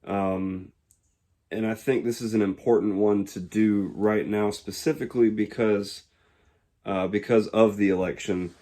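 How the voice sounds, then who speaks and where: A man in his twenties from Georgia, speaking in a casual, reflective monologue that pauses often to find the words. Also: on the low side, steady tone, mellow. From Georgia, USA. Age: 20s. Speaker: YouTuber.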